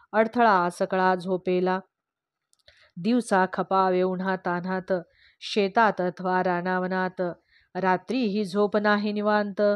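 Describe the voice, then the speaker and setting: A woman reading devotional verse aloud in a steady, measured recitation. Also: medium pitch, dry recording. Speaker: reader of a devotional text. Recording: slightly dull, dry lo-fi recording.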